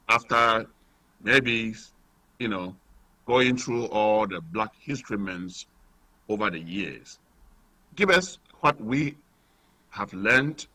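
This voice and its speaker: Low, bright-voiced man asking deliberately. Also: low-quality recording. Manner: halting, deliberate phrasing. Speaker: panelist asking a question on a radio show.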